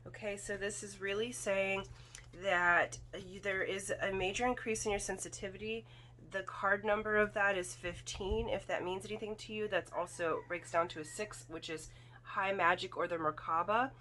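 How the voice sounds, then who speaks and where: A woman giving a spiritual card reading in casual, halting talk, her throat slightly foggy and congested from irritation. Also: mid-range voice, steady tone, sharp tone. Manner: halting, thoughtful, often checks with "okay?". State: throat irritated by volcanic fog, occasional coughing and throat clearing. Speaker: tarot and oracle card reader.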